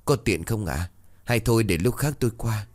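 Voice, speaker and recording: A man's voice: lowish voice, lively intonation, moderate pace, a little mellow. A man voicing a shy older village widow who speaks hesitantly and humbly. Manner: hesitant, deferential.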